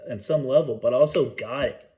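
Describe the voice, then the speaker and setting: A man's voice: mid-range voice, normal speed, dark tone. Rambling, profane man in casual podcast chat. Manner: rambling, self-interrupting, swears freely. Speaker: podcast co-host.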